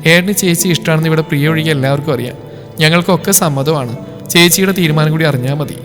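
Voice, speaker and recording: A man's voice: fairly high pitch, fast talker, fairly bright tone, long reverb tail, faint music behind, natural voice. A man voicing an earnest, candid younger sister who speaks persuasively, in a storybook reading.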